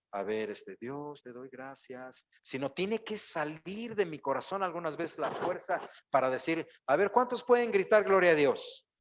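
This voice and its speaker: Male pastor, higher-pitched voice, fervent church sermon. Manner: preaching with rising exclamations and acted-out quotes. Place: church sanctuary.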